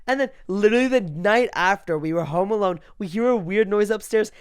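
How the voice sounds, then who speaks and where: High-voiced young man, casual storyteller. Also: brisk, smooth, no room sound, studio quality. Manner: storytelling, animated, loose. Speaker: co-host. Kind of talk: casual chat.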